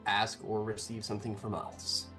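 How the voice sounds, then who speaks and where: A man playing a tabletop game, speaking in a formal, measured way. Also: fairly low pitch, flat delivery, sharp tone, faint music behind. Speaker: player.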